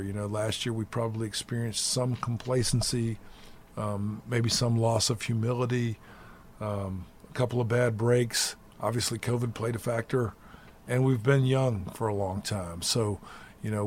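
There's a little hiss or hum as a middle-aged college basketball head coach, medium in pitch, takes interview questions. He answers carefully and deliberately, frequently starting over mid-thought.

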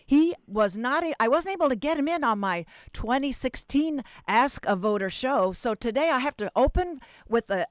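A woman's voice: fairly high pitch, no room sound. A woman hosting a call-in radio show, talking in a chatty, rambling way with many restarts.

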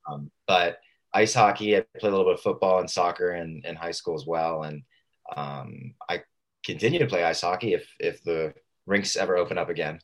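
Low-voiced man chatting casually as a guest. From Southern California. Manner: informal, rambling, halting phrasing. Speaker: radio show guest, fitness coach. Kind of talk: casual interview chat.

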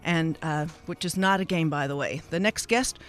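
A woman with a deep voice hosts a live radio interview show. Her delivery is wordy and halting, and she tends to wander off into asides.

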